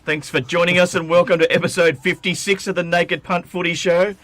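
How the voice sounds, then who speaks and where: A man's voice: sits high, flat delivery, fairly quick, fairly bright tone. An Australian man hosting a live sports talk show, joking and rambling with fillers. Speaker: host. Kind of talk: casual live show banter.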